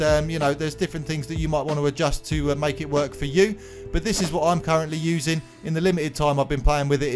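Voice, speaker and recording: Man, fairly high voice, casual tutorial host, slightly numb mouth, music in the background. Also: a little mellow. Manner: slightly numb-mouthed speech after dental anaesthetic. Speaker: video game channel host. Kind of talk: scripted-casual tutorial voice-over. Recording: music playing behind the voice.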